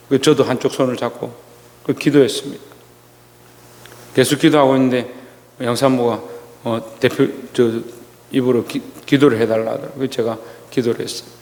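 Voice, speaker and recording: A male pastor giving a Sunday sermon, telling a personal story slowly with many pauses and restarts. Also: mid-range voice, a little mellow, in a large hall. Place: church sanctuary.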